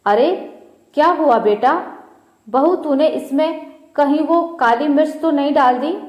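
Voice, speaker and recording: A woman's voice: measured pace, darkish tone, lo-fi sound. A woman reading the part of a harsh, scolding middle-aged mother-in-law in a storybook tale. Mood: angry scolding. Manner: scolding, shrill. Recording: roomy echo.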